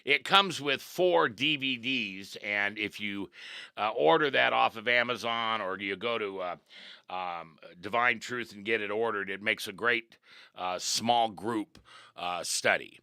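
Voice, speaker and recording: Bright-toned preacher man, dry sound. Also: fairly low pitch, unhurried, clear, resonant tone, no echo. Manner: reads scripture then comments, animated asides. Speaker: pastor. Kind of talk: devotional teaching.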